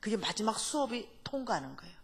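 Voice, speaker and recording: A man's voice: high-pitched, big pitch swings, fast talker, gravelly, fairly bright tone, husky. A man preaching a revival sermon as pastor, questioning the congregation and dropping to a whisper to press a point home. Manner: acts out quoted voices, drops to whispers for emphasis; talks straight to the congregation with questions.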